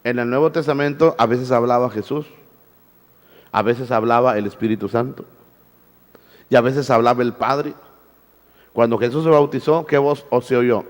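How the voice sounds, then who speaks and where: A man's voice: medium pitch, steady tone, normal speed, pauses often, big-room sound. A male pastor preaching a sermon, firing rhetorical questions at the congregation and repeating his words. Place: church.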